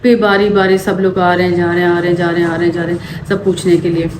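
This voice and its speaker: A young woman from Pakistan, telling a story to camera for her family vlog in an animated way. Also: on the low side. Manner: animated, quick to act out what happened. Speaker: family vlogger. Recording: echoey room with faint ambient noise.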